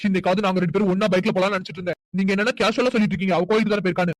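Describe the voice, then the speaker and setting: A performer voicing a hot-tempered, possessive young man in a cartoon who shouts and demands. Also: medium pitch, steady tone, very fast, no room sound, close to an everyday voice, poor audio. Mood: angry. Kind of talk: cartoon voice acting.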